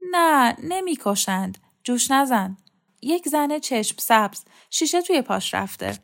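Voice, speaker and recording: A woman's voice: high-pitched, lively intonation, creaky, fairly bright tone, voice pushed up, full character voice. A woman reading a story aloud, voicing a shy, earnest young girl who sounds worried. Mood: anxious.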